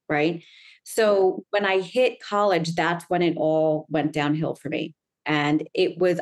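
A middle-aged woman from the United States, a guest coach, speaking earnestly and fluently in a conversational interview, often checking in with "right?". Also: fairly low pitch. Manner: earnest, fluent storytelling with frequent "right?" tags.

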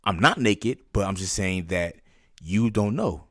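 A man's voice: deep voice, animated, measured pace, a bit bright, dry recording, studio quality. A man hosting a podcast, talking conversationally and instructionally, as if directly to one listener. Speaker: podcast host.

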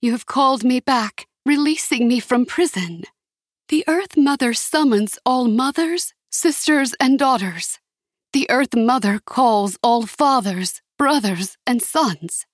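A woman voicing an ancient skeletal Earth Mother spirit who proclaims in a high, chanting voice. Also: lively intonation, takes it slowly, no echo, clean studio sound. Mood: solemn commanding. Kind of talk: audiobook character voice.

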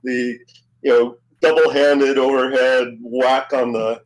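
A male player plans his move out loud, stopping often to find his words. He talks slowly in an ordinary middle voice. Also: medium pitch, level tone, rough recording. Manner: hesitant, many fillers. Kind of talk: casual game play.

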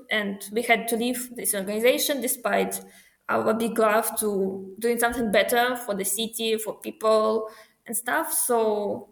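A young Ukrainian woman speaks in a slightly high voice with a gravelly edge, her English thoughtful and halting. The room around her is roomy and echoey. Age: young adult. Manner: thoughtful, halting non-native phrasing. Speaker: guest. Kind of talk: casual interview answers.

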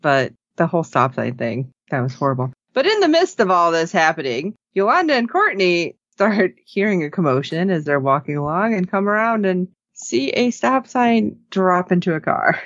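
A woman's voice: fairly low pitch, moderate pace, few pauses, dry recording, lo-fi sound. A woman co-hosting a podcast, chatting casually through a TV episode recap and acting out the characters' lines. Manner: animated, acts out characters' lines. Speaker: podcast co-host.

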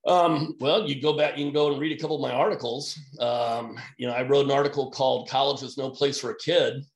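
A man who works as an emergency physician speaks as a podcast guest, blunt and emphatic, at a middle pitch. His voice carries a noticeable room echo. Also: steady tone, brisk. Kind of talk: podcast conversation.

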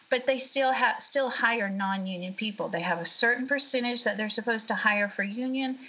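A woman, an actress and background artist, chatting in an interview in an animated way with quick restarts. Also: medium pitch, husky. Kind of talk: casual interview chat. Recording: dull lo-fi audio.

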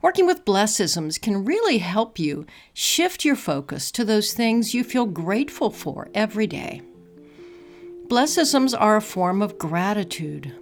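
Slow, soothing woman guiding meditation over music. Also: medium pitch. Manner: soft, calm, soothing delivery. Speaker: meditation guide. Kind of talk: guided meditation narration.

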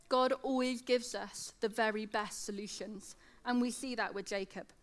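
A woman's voice: fairly high pitch, a bit bright. A woman in her thirties with a lateral lisp that turns s sounds slushy, giving a devotional talk. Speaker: secondary school teacher giving a devotional talk. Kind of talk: sermon, devotional talk with scripture reading.

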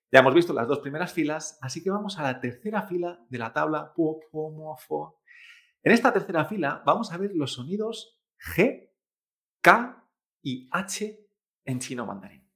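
At a moderate pace, a man with a fairly high, expressive voice teaches Chinese pronunciation. Addressing the listener directly, he lengthens model syllables and tosses in "¿eh?" to get them repeating.

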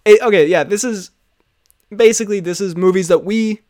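A man's voice: high-pitched, fairly quick, darkish tone, no echo, clean studio sound. A man co-hosting a podcast in casual chat, rambling and laughing often. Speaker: podcast co-host.

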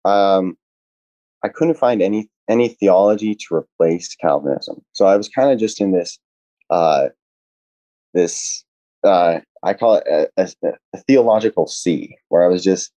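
A young man, a podcast guest, explaining at length in an earnest, halting way, full of "uh" and restarts. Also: low-pitched, mellow, no echo. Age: young adult. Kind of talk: casual podcast conversation.

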